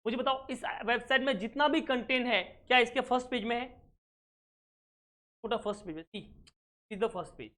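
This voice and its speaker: A man's voice: very high voice, normal speed, long pauses, pushed and bright. Accounting teacher, male, lecture style, fires rhetorical check questions, drops in English terms. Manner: keeps asking the class rhetorical check questions; mixes English terms into his explanation. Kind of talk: recorded exam-prep lecture.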